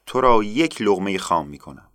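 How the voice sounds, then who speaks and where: A man's voice: lowish voice, big pitch swings, fairly bright tone, dry recording, clean studio sound. Man doing a huge boastful demon. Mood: menacing. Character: huge boastful male demon guarding his lair.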